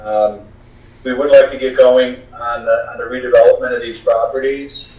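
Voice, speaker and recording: A man's voice: mid-range voice, little pitch movement. Guy on a choppy call that keeps cutting out, lots of ums, far off and echoey, kinda dull sound. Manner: hesitant, halting with many ums. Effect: choppy audio, cutting out mid-sentence. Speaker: applicant at a zoning hearing. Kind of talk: remote testimony at a public meeting. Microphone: remote call audio.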